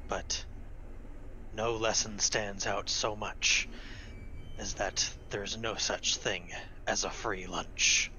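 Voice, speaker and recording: A man voicing a world-weary male adventurer in a hushed, rushed way. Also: fairly low pitch, steady tone, a little hiss or hum, exaggerated voice, poor audio. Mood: wary.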